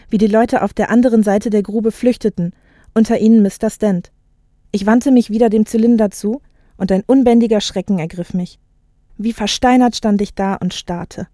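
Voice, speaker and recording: A woman reading a literary text aloud in a steady, measured way. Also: medium pitch, no echo, studio quality. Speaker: guest and reader.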